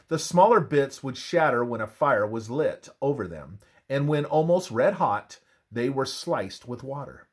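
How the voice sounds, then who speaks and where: A mid-pitched male narrator reads a scripted piece of religious history. His delivery is unhurried and deliberate, with widely varied intonation.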